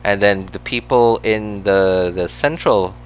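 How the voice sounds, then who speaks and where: This gaming streamer from the Philippines, a Cebuano native speaker with a Filipino accent, talks casually as he plays, rambling with plenty of fillers and self-corrections. His voice is fairly low and his pace measured. A faint hiss or hum sits under the audio.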